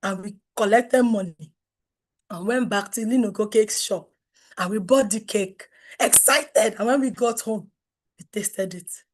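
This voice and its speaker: A middle-aged woman, hoarse from losing her voice, giving an emphatic online branding workshop full of rhetorical questions. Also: mid-range voice, measured pace. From Nigeria. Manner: emphatic, rhetorical questions, wide swings in loudness. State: hoarse, has lost her voice. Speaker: webinar speaker on branding. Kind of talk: live online workshop talk.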